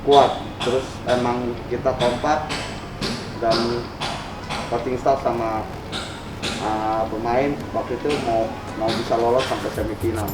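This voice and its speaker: A man's voice: mid-range voice, level tone, unhurried, pauses often, very noisy. A man with an Indonesian accent, a coach answering interview questions casually in short, informal phrases. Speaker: basketball coach, interview guest. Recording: roomy, distant mic, music behind.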